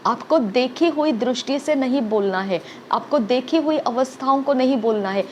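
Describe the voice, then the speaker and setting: A woman's voice: sits high, normal speed, a little mellow, a little hiss or hum. A woman preaching a sermon, urging listeners with repeated phrases and frequent "okay?" checks.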